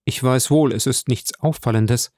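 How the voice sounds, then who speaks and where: A man's voice: medium pitch, normal speed, darkish tone, no echo, clean studio sound, close to an everyday voice. A man reading an earnest young lover. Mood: reflective. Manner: earnest, reflective.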